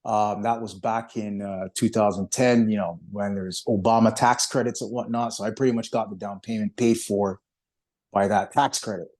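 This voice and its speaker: Low-voiced man from Barbados, speaking on a video call. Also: normal speed. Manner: relaxed, with frequent "you know" and "um". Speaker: guest speaker. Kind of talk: casual presentation on a video call.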